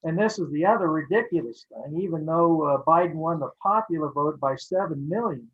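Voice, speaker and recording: Man, talk show host, high voice, laughs easily, muffled lo-fi audio. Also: animated, brisk. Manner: chuckles while telling a story.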